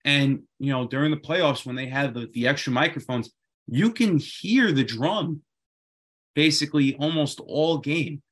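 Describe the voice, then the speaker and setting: A man's voice: a little high, animated, a little slow, fairly bright tone. A man chatting casually and enthusiastically, often repeating phrases for emphasis. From Queens, New York. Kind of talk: casual chat.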